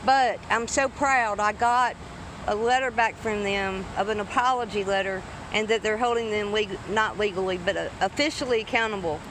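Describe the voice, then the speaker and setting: A woman's voice: mid-range voice, normal speed. A woman with a rural Southern US drawl chatting casually, talkative, folksy and emphatic. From Tennessee, southern United States. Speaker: independent journalist filming police encounters. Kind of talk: casual conversation. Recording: outdoor street recording with clear traffic noise.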